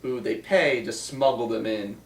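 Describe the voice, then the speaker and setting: A man's voice: mid-range voice, unhurried. A young man hosting a casual movie chat, talking loosely with lots of swearing and filler words. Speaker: movie review host. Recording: roomy echo, mic at a distance.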